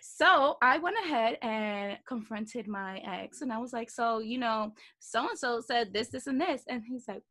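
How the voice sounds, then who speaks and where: A young woman chatting casually as a co-host, telling stories in a slangy, emphatic, animated way. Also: a little high, a little slow, few pauses. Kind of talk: casual gossipy storytelling chat.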